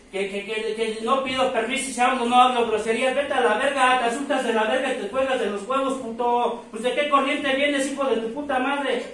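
A man's voice: very high-pitched, fairly bright tone. A man with a Mexican accent giving a harsh, profane, confrontational testimony at a recovery group meeting. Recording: very echoey hall, distant mic, crowd.

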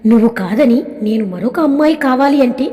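A woman voicing a troubled young husband who speaks gently and coaxingly. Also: high voice, expressive, brisk. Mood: gentle. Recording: long reverb.

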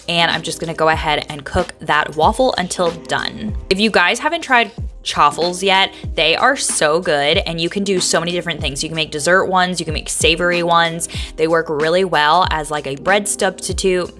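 A woman's voice: lowish voice, bright, forceful tone. A woman chatting casually in a voice-over as she walks through her lunch prep, upbeat and full of fillers.

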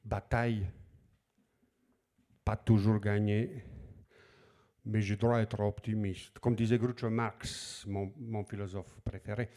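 A man's voice: fairly low pitch, level tone, slow, pauses often, mellow. A middle-aged man with a Slavic accent, an author telling anecdotes at a public talk, acting out quoted lines and repeating words as he searches for them. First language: Slavic language. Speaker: author speaking at a library talk.

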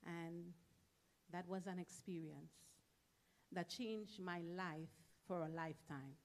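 A woman's voice: lowish voice, slow. Heartfelt woman giving a eulogy. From Trinidad. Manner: heartfelt, speaks in short, emphatic phrases. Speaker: church member giving a tribute. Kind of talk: memorial eulogy.

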